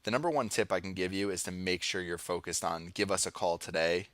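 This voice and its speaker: In a dry recording, a man with an American accent speaks fairly quickly in a low, slightly bright voice. He's an online marketing tutorial presenter doing a casual screen-share walkthrough, partly unscripted, thinking aloud while showing each step.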